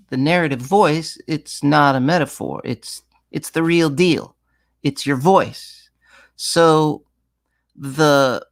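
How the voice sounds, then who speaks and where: Male songwriting teacher, gravelly voice, loose and chatty, given to sung examples. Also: on the high side. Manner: conversational, full of restarts, breaks into sung and acted examples. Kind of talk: casual masterclass talk.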